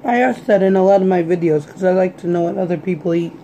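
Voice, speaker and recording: A woman's voice: on the low side, fast, warm tone. A young woman chatting casually to viewers while eating, chewing as she talks with her mouth partly full, on a phone in a home kitchen. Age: young adult. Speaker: mukbang vlogger. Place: small home kitchen, indoors. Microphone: phone at arm's length. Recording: noisy phone recording with room ambience.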